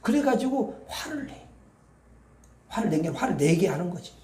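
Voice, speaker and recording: Male pastor, sermon, questions to the congregation, swooping lively delivery. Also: high-pitched, normal speed, echoey room. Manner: preaching, asks the congregation questions. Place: church hall.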